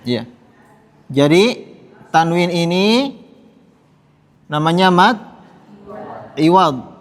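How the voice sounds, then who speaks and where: In a classroom tajwid lesson, a man with a high-pitched, lively voice teaches Quran recitation slowly and deliberately. He patiently repeats each sound so his students can echo it, and the long reverb of a large hall surrounds his voice.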